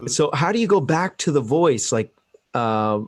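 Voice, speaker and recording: A man's voice: fairly high pitch, sing-song, measured pace, dry recording. Man hosting a podcast, dry sound. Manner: rambling, hesitant, lots of fillers. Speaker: podcast host. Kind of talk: casual podcast chat.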